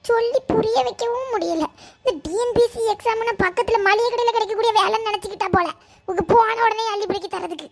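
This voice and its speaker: A woman voicing a sulky young woman who just sat an exam. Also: extremely high pitch. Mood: grumbling.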